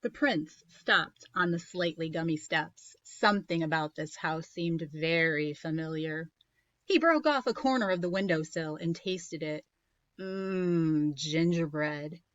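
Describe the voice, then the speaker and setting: A woman teacher reading a storybook aloud in a slow, expressive way, on a muffled recording. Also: low-pitched, no echo.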